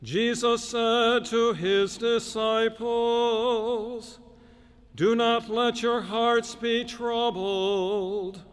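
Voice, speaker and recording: A man chanting the gospel reading at Mass in a smooth, even tone, heard in a large church with a cathedral echo. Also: extremely high pitch, drawn-out words. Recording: long cathedral reverb, faint music.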